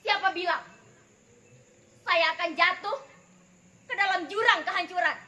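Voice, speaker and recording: A woman's voice: very high-pitched, sharp tone, full character voice. A woman playing a bitter, wronged avenging mother. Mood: bitter, defiant. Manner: slow, declamatory theatrical delivery. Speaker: stage monologue performer. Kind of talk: theatrical stage monologue.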